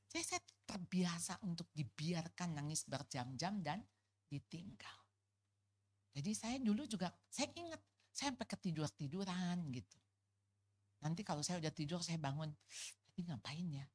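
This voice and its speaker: Speaking at normal speed in a lowish voice, a middle-aged Jakarta woman shares her personal testimony with a church couples' fellowship. Her telling is casual and lively, full of colloquial asides.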